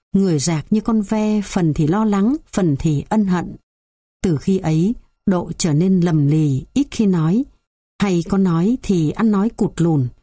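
A woman narrating a folk tale in a measured, dramatic storytelling manner. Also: mid-range voice, mellow, dry recording, studio quality.

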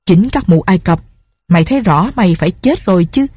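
A grief-maddened older recluse speaks in harsh, bitter threats, as a woman reading a storybook puts her on. The voice is dark and husky, recorded dry and close. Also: on the low side, lively intonation, a little fast, dry recording. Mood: vengeful. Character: grief-crazed vengeful older female recluse.

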